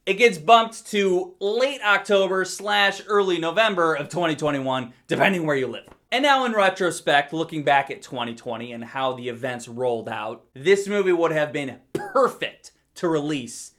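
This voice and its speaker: A man's voice: fairly high pitch, animated, normal speed, hardly any pauses, a bit bright. A man giving a casual movie review for his vlog, wry and joking, with casual swearing.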